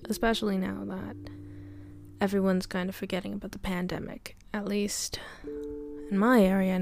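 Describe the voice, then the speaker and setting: Young woman with a creaky voice, musing out loud in a diary podcast, faint music behind her. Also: mid-range voice. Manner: hesitant, trailing off, often drops into a soft whisper. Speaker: podcast diarist. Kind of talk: rambling personal audio diary. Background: faint background music.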